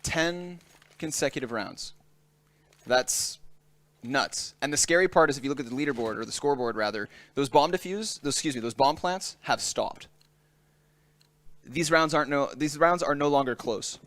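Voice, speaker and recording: Man, higher voice, esports caster, play-by-play, analytical. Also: moderate pace, a bit bright, no room sound. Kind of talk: live play-by-play commentary.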